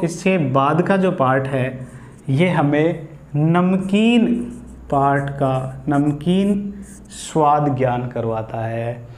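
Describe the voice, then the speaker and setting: A man teaching biology step by step, repeating the key points. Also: on the high side. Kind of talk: classroom explanation. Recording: echoey room.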